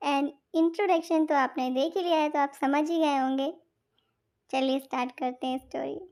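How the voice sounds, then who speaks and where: A woman's voice: high-pitched, fairly even intonation, moderate pace, darkish tone. A young woman storyteller giving a friendly, giggly casual introduction.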